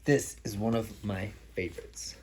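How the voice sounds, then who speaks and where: A father reads a picture book aloud to a child, adding casual asides that explain things simply as he goes. His darkish voice sits on the low side, with fairly even intonation and a moderate pace, and there's faint background noise.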